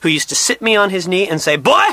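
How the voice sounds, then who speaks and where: A man's voice: high-pitched, fast talker, sharp tone, no room sound. A man co-presenting a comic Shakespeare show with breezy, colloquial banter. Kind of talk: comic stage banter and announcing.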